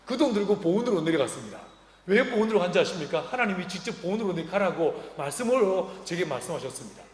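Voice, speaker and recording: A middle-aged male pastor delivers a sermon in a reverberant church hall, his voice sitting high for a man. He tells stories with a light, humorous touch. He slips into the voices of the people in them. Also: big pitch swings, quick pace. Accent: Korean. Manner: humorous, acts out quoted dialogue. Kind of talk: sermon with storytelling. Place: church sanctuary.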